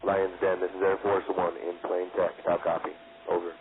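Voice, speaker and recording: A man's voice: deep voice, monotone, moderate pace. A man making repeated radio calls as an aircraft radio operator, heard over a two-way military radio. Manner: repetitive radio calling. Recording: tinny radio transmission with static.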